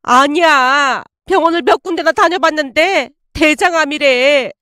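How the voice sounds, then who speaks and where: A woman voicing a tearful middle-aged woman who is the mother's friend, talking slowly in a high, sobbing voice. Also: bright, forceful tone, dry recording, clean studio sound.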